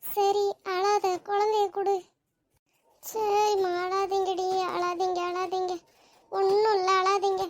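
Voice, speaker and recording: A practical, concerned young woman in a cartoon, voiced by a woman, pressing her friend for answers before taking charge. The voice is very high and held in a narrow, level band. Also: normal speed, a little hiss or hum. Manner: pressing questions, then giving calm instructions. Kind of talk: cartoon voice acting.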